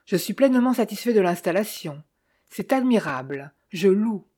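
Audiobook: woman voicing earnest wealthy young Frenchman, mellow, firm. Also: mid-range voice, expressive, moderate pace, slightly rough. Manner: serious, earnest tone.

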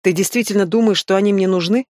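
A man's voice: high voice, fairly even intonation, quick pace, a little mellow, close to an everyday voice. The audiobook reader voicing a stern, sardonic male investigator who speaks in short, cold commands.

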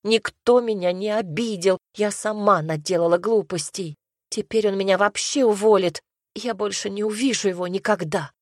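A woman's voice: medium pitch, normal speed, no echo, close to an everyday voice. A woman voicing a distraught young woman who sobs and pleads, in a dry, close reading. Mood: tearful. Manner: sobbing, pleading, snapping.

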